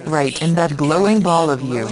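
Hypnosis lady, kinda low voice, slow soft coaxing repeats, her voice stacked on itself like a murmur behind. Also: lively intonation, a crowd in the background. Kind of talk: guided hypnosis recording. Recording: voice layered with its own overlapping echo track.

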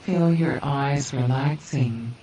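A woman leading a guided relaxation hypnosis in a soothing, deliberate manner with long pauses. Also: rumbling low, dark tone. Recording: roomy, distant, hissy background noise.

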